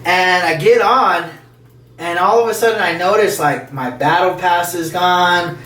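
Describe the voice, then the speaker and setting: A man's voice: sits high, a little slow, a bit bright. A man hosting a podcast, telling a rambling, profane story in casual chat, recorded at home. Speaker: podcast host. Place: room in a house. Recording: echoey room, mic at a distance, faint noise.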